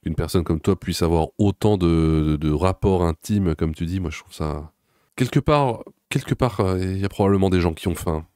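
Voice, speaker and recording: A man hosting a reaction video, making sarcastic, deadpan comments. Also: deep voice, normal speed, no room sound, studio quality. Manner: mocking, deadpan asides.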